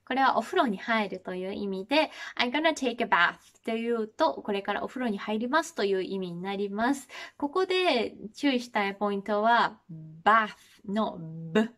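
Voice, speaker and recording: A woman in her thirties from Japan teaches English pronunciation in a video lesson. Her voice sits slightly high, and she explains things step by step in a polite, encouraging way, showing each sound as she goes. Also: lively intonation, normal speed, hardly any pauses, a bit bright. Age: 30s.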